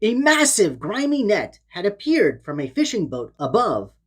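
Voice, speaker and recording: At a moderate pace, a storybook narrator reads a children's book aloud with theatrical drama. Her voice is mid-range with a breathy edge and huge swings in pitch.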